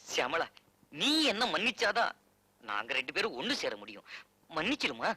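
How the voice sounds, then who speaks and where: A man's voice: a little high, big pitch swings, moderate pace, bright, forceful tone, husky, dry recording, exaggerated voice. An actor playing a flustered young bridegroom in a film comedy, whiny and wailing as he begs. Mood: pleading. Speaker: comic actor playing a newly married husband. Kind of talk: comic film acting.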